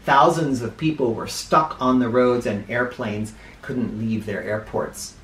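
In a roomy, echoey small living room, a middle-aged American man reads a picture book to children and serves as host with spoken asides. His mid-range voice is expressive and dramatic, placing deliberate emphasis, with slight background noise present.

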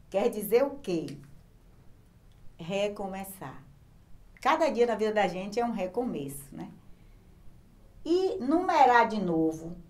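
A woman's voice: lowish voice, darkish tone. A woman teacher with a Brazilian Portuguese accent gives a remote lesson to young children. She explains patiently and sounds out words syllable by syllable. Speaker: primary school teacher.

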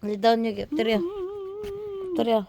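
A woman's voice: a little high, a little slow, creaky, mellow. A woman chatting playfully with her pets at home in a casual home video, often laughing.

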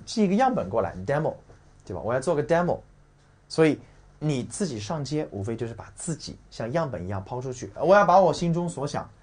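Blunt, husky-voiced male vocabulary teacher. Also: medium pitch, a little mellow. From China. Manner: brash and blunt, swears casually, mocks and rants mid-lesson; drills spellings and stress slowly, repeating key words. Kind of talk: recorded exam-prep vocabulary lesson.

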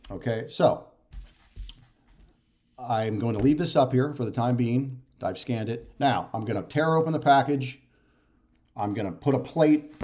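A man in his forties, a fitness and nutrition coach, talks to camera from his living room in a medium-pitched, mellow voice. His casual, step-by-step instruction is repetitive and full of "okay?" and "right?" check-ins.

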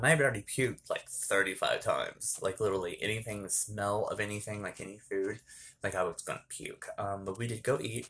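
A man's voice: fairly low pitch, fairly bright tone. Giggly rambling man telling a story. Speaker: vlogger. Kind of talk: casual storytime monologue. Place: small hot bathroom.

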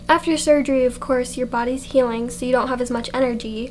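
A woman's voice: a little high, a little mellow, slight background noise, low-quality recording. A woman vlogging casually about recovering from nose surgery, talking through heavy congestion and often dropping to a whisper. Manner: chatty, often drops to a whisper.

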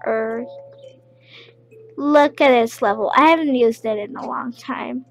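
A woman giving casual, rambling gameplay commentary, with excited outbursts. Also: fairly high pitch, a little slow. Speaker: gameplay video creator.

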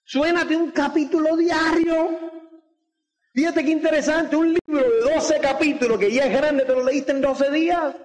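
A man's voice: extremely high pitch, fairly even intonation, unhurried. A man giving a motivational talk to an audience. He keeps checking in with tag questions and acts out little dialogues. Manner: peppers speech with tag questions like "do you get it?". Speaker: motivational speaker. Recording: long hall reverb.

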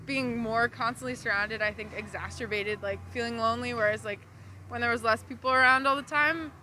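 A woman's voice: fairly high pitch, fairly even intonation, brisk, bright, forceful tone, a little hiss or hum. Young woman musing with lots of "like". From US West Coast. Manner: reflective, many "like" fillers. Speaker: interviewee. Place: outdoor city street. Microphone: handheld mic.

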